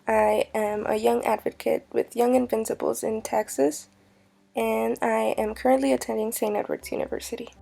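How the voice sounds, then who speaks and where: A woman's voice: fairly high pitch, little pitch movement, normal speed, vocal fry, mellow. A woman in her twenties, a student advocate, speaking hesitantly about her own struggles in a testimonial interview. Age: 20s.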